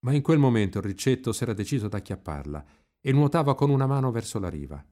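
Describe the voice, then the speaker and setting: A man reading a novel aloud in an expressive, lively literary narration. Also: mid-range voice, fast talker. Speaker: reader.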